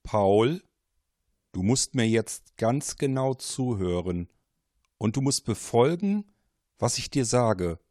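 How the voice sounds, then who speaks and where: A man's voice: mid-range voice, expressive, slow, darkish tone, no echo, studio quality. A man voicing a mysterious male caller who urgently warns of danger, pressing and commanding. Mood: insistent.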